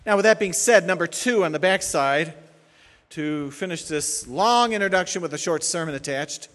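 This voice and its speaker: A high-voiced man preaches a sermon with a lively, dramatic delivery. He shifts from steady teaching into acted-out cries and prayers, and his voice carries a long hall reverb. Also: normal speed. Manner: animated, acts out prayers and complaints. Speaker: pastor.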